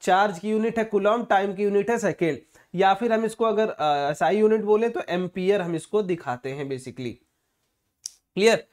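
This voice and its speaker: A man's voice: high voice, normal speed. Man teaching physics, quizzing students. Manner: keeps asking rhetorical check-in questions; mixes English terms into Hindi explanation. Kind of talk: online exam-prep lesson.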